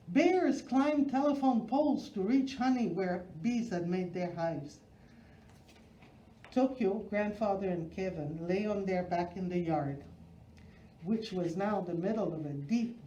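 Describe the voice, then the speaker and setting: A woman with a warm, medium-pitched voice reads a children's picture book aloud like a storyteller, expressive and emphatic, phrase by phrase. The recording sounds roomy and slightly dull.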